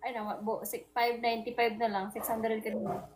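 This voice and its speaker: A woman's voice: on the high side, level tone, normal speed, music in the background. A woman co-hosting a casual livestream, bickering with her partner in a mock-irritated way. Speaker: livestream co-host.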